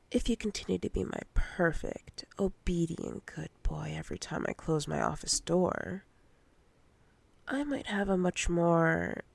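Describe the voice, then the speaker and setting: In roleplay ASMR, a woman plays a dominant, possessive female boss, commanding and teasing in a breathy, often whispered voice of fairly low pitch. Her heavily acted delivery is slow, deliberate, and commanding.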